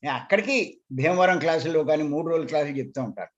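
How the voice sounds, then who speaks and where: A man's voice: a little high, racing. A man, a meditation teacher, explaining earnestly and emphatically to his followers in a spiritual talk, repeating points to drive them home. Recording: dull lo-fi recording.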